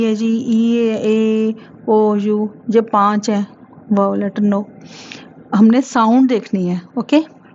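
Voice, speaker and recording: Slow patient Indian woman teaching children. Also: a little high, darkish tone, highs cut off. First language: Hindi. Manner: slow, patient, repeats and asks questions. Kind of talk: grammar lesson for children.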